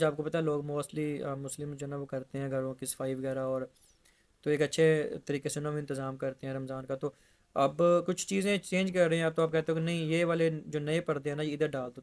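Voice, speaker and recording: A man teaches a spoken English lesson. His voice sits a little high and stays flat and even. He says the example sentences slowly and repeats them. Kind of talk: explanatory language lesson.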